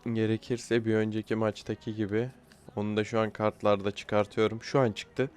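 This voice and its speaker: A man's voice: lowish voice, little pitch movement, normal speed, darkish tone, clear, resonant tone. A young man giving casual live commentary while playing a football video game, often frustrated and blurting out complaints at his players. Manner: frustrated outbursts, swearing at players. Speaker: gaming YouTuber.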